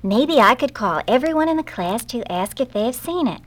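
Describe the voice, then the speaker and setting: A young girl from a storybook, as a woman reader puts her on, speaking high and pleading. Her pitch climbs well above the reader's own and moves in lively leaps. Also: a little fast. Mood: upset. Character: young girl, upset then forgiving.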